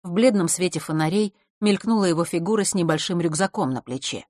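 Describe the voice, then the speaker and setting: A woman narrating an audiobook chapter in a calm, measured reading on a close mic. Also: fairly low pitch, no echo.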